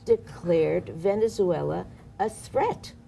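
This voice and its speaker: A woman's voice: on the low side, slow pace, gravelly, dark tone, slight background noise. A woman activist on a studio panel, giving impassioned political commentary with a sarcastic edge. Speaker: activist guest.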